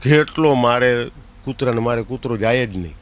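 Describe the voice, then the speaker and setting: A man with a Gujarati accent telling a folk comedy story, slipping into quick voices for the people in it. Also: medium pitch. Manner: lively anecdotal telling with put-on voices for characters. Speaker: comic storyteller.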